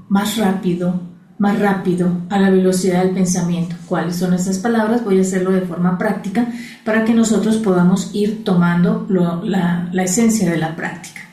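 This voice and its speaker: A woman teaching a guided meditation in slow, soothing, repetitive phrases. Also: mid-range voice, mellow, roomy sound, low-quality recording. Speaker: spiritual teacher.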